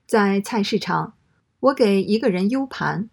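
A woman reading a first-person story aloud in a steady, matter-of-fact way. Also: mid-range voice, a little slow, creaky, breathy edge.

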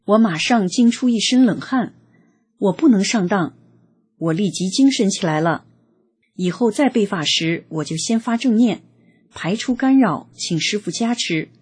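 Woman, deeply breathy tone, mid pitch, earnest read-aloud testimony. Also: expressive, a little slow, darkish tone. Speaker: reader of a personal experience article.

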